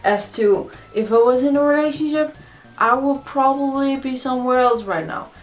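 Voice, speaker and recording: A woman's voice: high voice, moderate pace, soft background music. A drunk woman who is not a native English speaker, rambling casually and confessionally in a video blog, often repeating herself. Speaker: video blogger. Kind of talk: casual rambling monologue to camera.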